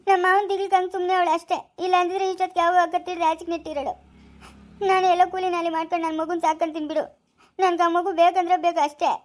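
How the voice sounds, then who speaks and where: A woman's voice: extremely high pitch, little pitch movement, racing. A woman with a rural Chikkaballapura Kannada accent plays a poor village woman who insists on raising a baby herself. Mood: determined. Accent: rural Kannada of the Chikkaballapura area. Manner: stubborn, emphatic. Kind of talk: amateur family drama acting.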